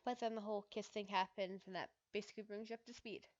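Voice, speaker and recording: A woman's voice: medium pitch, steady tone, fast talker, muffled recording. Chatty woman reading her own fan story. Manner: chatty, stifling laughs. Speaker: fanfiction author. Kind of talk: reading own fanfiction aloud.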